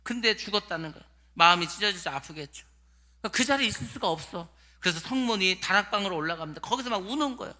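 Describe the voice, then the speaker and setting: Male pastor, sermon delivery, high bright voice, dramatic shifts from loud to hushed. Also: expressive, fast talker. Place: church sanctuary.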